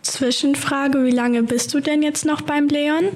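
High-voiced woman asking polite questions. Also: fairly even intonation, a little slow, a little mellow. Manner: polite, asks short questions. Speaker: interviewer. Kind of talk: scripted interview questions.

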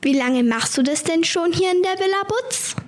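A woman with a high voice co-hosts an interview and keeps her questions brief and polite. She speaks plainly. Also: lively intonation, moderate pace.

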